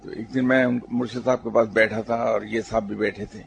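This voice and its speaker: A man, a spiritual teacher, giving a religious talk in answer to a question, telling stories calmly and at a measured pace, with English terms mixed in. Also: on the low side, gravelly, a little hiss or hum.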